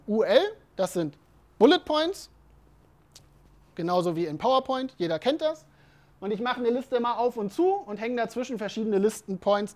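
A woman's voice: medium pitch, a little mellow. Woman, conference speaker, casual and direct with the crowd, mid-range voice. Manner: informal, chatty, addresses the audience directly. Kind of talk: live presentation to an audience.

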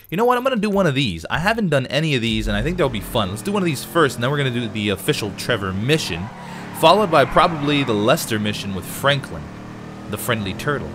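A let's play host with a cold talks casually over his video game for viewers, his mid-range voice slightly nasal. He's chatty and excitable, addressing the audience directly, with slight noise in the background.

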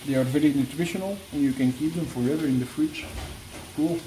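Brisk and on the high side, this man's mellow voice carries a casual home cooking demo. He's a playful Dutch vlogger who jokes and restarts phrases partway through. His handheld camera mic shifts around, picking up an echoey kitchen, frying sizzle, and a little hiss or hum.

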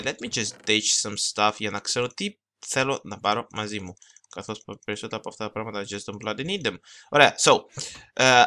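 A young man giving casual gameplay commentary, talking fast and rambling, switching into English phrases and mocking himself. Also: mid-range voice, sharp tone. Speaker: gaming channel host. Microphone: desktop mic, no camera.

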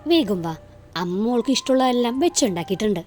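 A woman's voice: a little high, sing-song, fast talker, a little mellow, faint music behind. A woman voicing a tender, doting middle-aged father in an audio story, speaking soothingly and coaxingly.

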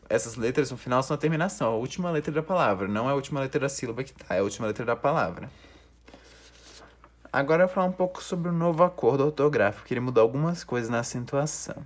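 A young man, teaching a recorded online grammar review lesson and explaining step by step, sometimes restarting words. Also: medium pitch.

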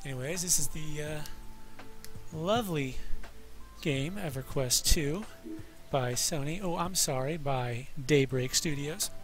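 A man with a slightly high voice chats casually as he hosts a tour through a video game. His commentary is improvised and full of playful, self-mocking asides, with music clearly playing behind him. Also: measured pace. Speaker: gamer hosting a guided video game tour. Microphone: desk microphone, voice-over on game footage.

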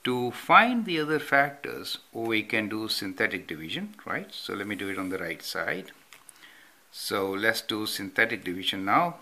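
In this whiteboard math tutorial, the teacher sounds very animated, speaking at a normal speed in a fairly low, pushed and bright voice. He explains each step while writing, often adding "right?", heard off camera over his notes.

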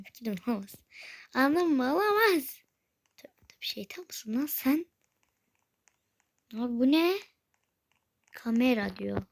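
A woman's voice: on the high side, darkish tone, husky, no echo. A woman giving casual gameplay commentary, talking to herself and often slipping into a whisper. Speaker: gaming video creator.

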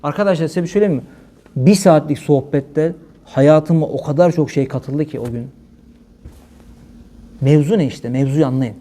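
A male preacher from Turkey with a high voice addresses his congregation in a mosque hall. He swings between fervent, raised exhortation and quiet, earnest asides. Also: normal speed, pauses often. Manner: fervent, shifts between loud exhortation and low earnest tones. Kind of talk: religious talk to a congregation.

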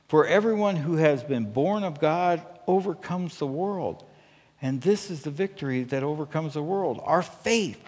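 Standing at a church pulpit indoors, this middle-aged American man preaches in a conversational way, earnest and forceful, frequently checking in with the congregation. His pitch is on the high side and his tone darkish, and long reverb fills the echoing hall.

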